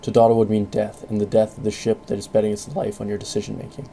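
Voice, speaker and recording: A man reading a scripted second-person story in a calm, measured way. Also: on the low side, gravelly, a little hiss or hum. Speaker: narrator.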